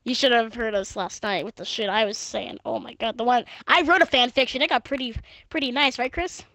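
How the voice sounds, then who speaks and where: A young woman with a fairly high voice talks into a gaming headset from home, crude and giggly between flat, monotone reading. The sound is dry and close, with no room around her. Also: fairly quick, dry recording. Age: young adult. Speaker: gaming streamer. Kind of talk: casual stream chat and reading fan fiction aloud.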